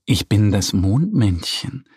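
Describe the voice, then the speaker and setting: A man's voice: fairly low pitch, big pitch swings, slow pace, a little mellow, husky, no room sound, studio quality, pitched below the performer's own voice, heavily acted. A man voicing a friendly, curious little moon man in a children's story. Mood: gentle.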